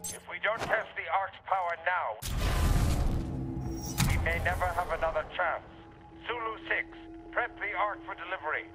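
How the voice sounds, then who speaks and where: An actor playing a stern, villainous military commander in a video game, giving orders with authority. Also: male voice, high voice, normal speed, long pauses, natural voice. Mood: commanding, resolute. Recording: game audio under loud music.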